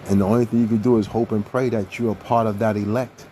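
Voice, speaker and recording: Male scripture teacher, low mellow voice, earnest sermon delivery. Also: flat delivery, fast, a little hiss or hum. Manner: earnest, emphatic, repeats key phrases.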